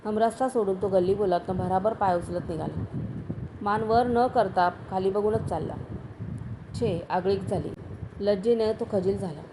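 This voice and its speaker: A woman reading a story aloud as narrator, steady and measured. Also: medium pitch, background noise. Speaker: story reader.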